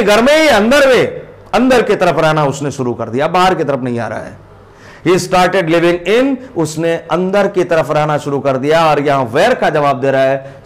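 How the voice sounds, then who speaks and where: A man teaching English grammar in Hindi, with an Indian English accent. He repeats example sentences slowly and puts heavy stress on key words. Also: high-pitched. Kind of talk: spoken grammar lesson.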